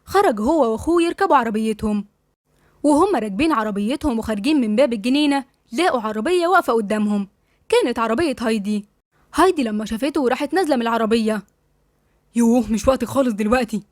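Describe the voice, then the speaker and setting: An Egyptian woman narrates a novel in a brisk, dramatic style. Her voice is fairly high and quick, and the recording is dry and close. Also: expressive, no echo. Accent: Egyptian Arabic. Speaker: audiobook reader.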